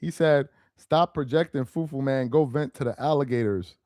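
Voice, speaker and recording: A mid-range male voice at normal speed belongs to a young livestreamer of Nigerian heritage. He animatedly reads comments from viewers, laughs, grows exasperated and addresses his chat head-on. The studio-quality recording has no echo.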